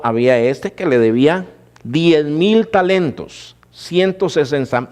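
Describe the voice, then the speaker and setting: A male pastor giving a sermon in a church. He keeps calling the congregation "brothers", asks them rhetorical questions and slows down to stress the numbers. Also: fairly high pitch, a little mellow.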